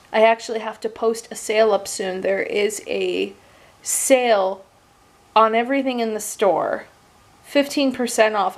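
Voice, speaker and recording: Chatty young woman rambling on a couch. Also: mid-range voice. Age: 20s. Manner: chatty and rambling, with frequent fillers and casual swearing. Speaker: gaming YouTuber and streamer. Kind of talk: casual monthly update vlog. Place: at home on a couch.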